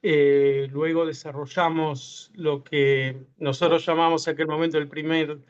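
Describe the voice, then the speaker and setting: A man with a slightly high voice talks about his work in an online interview. He hesitates often, filling gaps and restarting words. The sound is muffled and lo-fi, like a video call. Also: level tone, a little slow, clean tone. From Uruguay. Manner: hesitant, many fillers and restarts. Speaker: tech entrepreneur guest.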